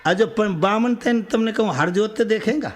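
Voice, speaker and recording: High-pitched village storyteller guy, chatty folk tale with sung bits, light music under it. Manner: lively dialect narration, breaking into drawn-out song. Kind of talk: rural folk tale telling with sung refrains.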